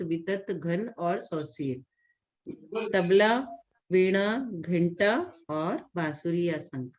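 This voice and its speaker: A woman teaching a religious lesson to a small indoor gathering. She talks through a scripture point by point, with everyday examples, and stops to quiz her listeners. Her voice sits at an ordinary middle pitch for a woman. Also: a little mellow.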